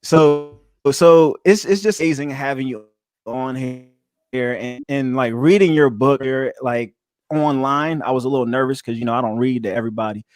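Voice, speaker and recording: A man's voice: mid-range voice, normal speed, a little mellow, no echo, clean studio sound. A man hosting a podcast, joking in a playful way, affirming his guest and often repeating his words. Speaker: podcast host. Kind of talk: casual interview chat.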